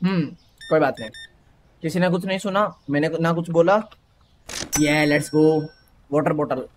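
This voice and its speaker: A man's voice: fairly high pitch, steady tone, normal speed, slight background noise. A young man from India commentating a game in a casual, playful way, teasing the characters on screen. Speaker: gaming YouTuber.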